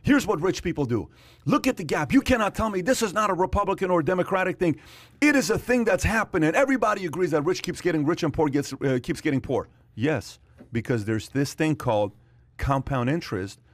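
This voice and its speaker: A man's voice: on the high side, lively intonation, a little fast, no echo. Emphatic man hosting a studio podcast. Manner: emphatic, repeats phrases, talks with his hands. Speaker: podcast host. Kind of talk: animated casual discussion. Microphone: studio mic on boom arm, wearing headphones. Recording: dry close-miked studio sound.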